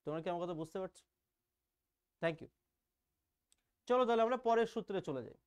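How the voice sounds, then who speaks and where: A man's voice: sits high, animated, fairly quick, clear, resonant tone. Chatty grammar teacher, man. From Bangladesh. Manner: chatty and teasing, asks rhetorical questions, stretches out example words. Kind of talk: casual online grammar lesson.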